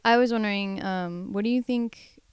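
Female podcast co-host, playful punster, clear tone, dry close recording. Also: medium pitch, moderate pace, dry recording. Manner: playful, jokey wordplay. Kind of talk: casual chat.

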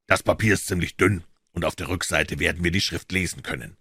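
A man voicing a calm detective in an audiobook, measured and dryly ironic. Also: sits low, breathy edge, no room sound, clean studio sound, full character voice. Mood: cool, ironic.

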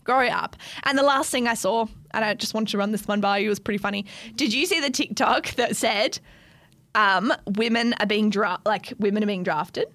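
A woman's voice: mid-range voice, a little fast, no echo. A young woman with an Australian accent, co-hosting a casual podcast chat, telling stories with lots of swearing and laughter. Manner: swears freely, laughs often, tells animated stories. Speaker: podcast co-host.

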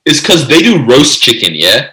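A young man with a bright, forceful voice and very varied pitch, in a roomy recording. He chats casually, with wry, slangy banter. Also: very animated, moderate pace. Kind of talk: casual chat, joking banter. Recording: roomy, echoing sound.

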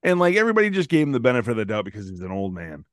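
A man co-hosting a podcast in easy, profane banter. His pitch rises and falls with animation as he tells stories and jokes. The sound is dry and close, with no room around it. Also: huge pitch swings, rapid-fire, dry recording. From New England. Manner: profane, riffing storyteller. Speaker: podcast co-host.

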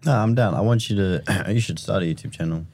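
A man's voice: on the low side, brisk, a little mellow, slightly rough. A young man chatting casually with friends in keen, slangy frat-bro banter. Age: young adult. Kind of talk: casual chat among friends.

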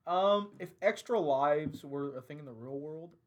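A woman's voice: low-pitched, measured pace. A woman hosting a podcast, reading out silly questions and riffing on them with profane, giggly humor. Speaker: podcast host asking questions. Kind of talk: crude casual banter.

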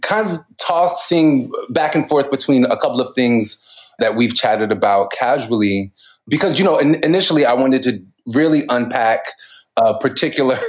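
A man's voice: medium pitch, normal speed, rough recording. A man co-hosting a podcast, talking through cultural commentary in a thoughtful way, with frequent laughs and restarts. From United States. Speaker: podcast co-host. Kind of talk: casual cultural commentary chat.

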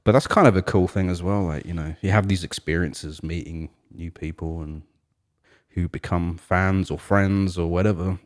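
A man with a very low, deep voice talks loosely about bands and touring. His speech wanders, padded with "like" and "kind of thing". It's the easy tone of a relaxed podcast chat. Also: normal speed. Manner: rambling, lots of "like" and "kind of thing". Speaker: podcast co-host. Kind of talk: casual chat about music.

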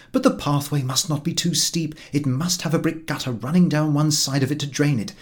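Narrating a comic book for an audiobook, this man uses a mid-range voice. He tells the story in an expressive yet measured way.

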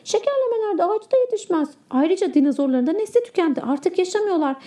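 A kindergarten teacher reads a storybook aloud to young children in a high, mellow voice. Her telling is expressive and animated, with pitch leaping up at the exciting moments. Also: quick pace.

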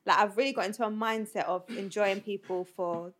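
Female podcast co-host, mid-pitched voice, earnest and reflective with hesitant restarts. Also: fairly even intonation, fairly quick, a bit bright. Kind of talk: casual chat.

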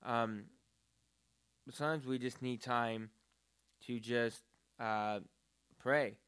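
A man's voice: medium pitch, steady tone, slow, fairly bright tone, smooth. A man talking about prayer in a casual, earnest and rambling way, with many fillers. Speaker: podcast co-host. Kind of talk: casual faith talk.

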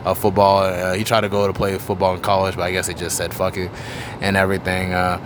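A podcast host talks quickly and loosely, rambling between questions and dropping casual curses. His pitch sits in an ordinary middle range, with a faint hum of traffic behind him. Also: monotone. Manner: chatty, rambling, swears casually. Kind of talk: casual interview chat.

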